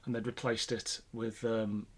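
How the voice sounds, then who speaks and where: A British man co-hosts a podcast, chatting casually about classic television sci-fi in a conversational style. His fairly low voice has little pitch movement and a measured pace.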